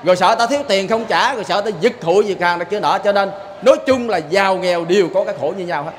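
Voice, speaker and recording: A Buddhist lay preacher from Southern Vietnam gives a folksy, story-filled sermon in a high-pitched voice. He often turns to his listeners with quick rhetorical questions, over faint background noise.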